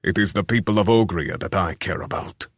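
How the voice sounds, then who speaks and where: Man voicing a deep-voiced, wary bearded king. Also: a little fast, vocal fry, dry recording, studio quality. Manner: blunt, distrustful. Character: bearded male ruler, gruff and wary.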